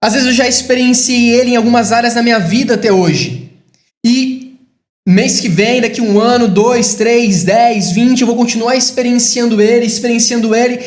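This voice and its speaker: A man preaching a sermon in a high voice, recorded in an echoey room. He builds to emphatic declarations and then drops into quiet, reflective asides.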